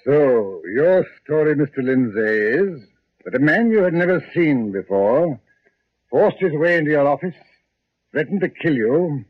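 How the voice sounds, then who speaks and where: A shrewd, measured police inspector in an old radio drama, his voice rising and falling with lively pitch. He questions suspects with dry irony. The sound is thin and tinny, like an old broadcast. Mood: probing. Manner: measured, dryly ironic questioning. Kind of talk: 1950s radio drama acting.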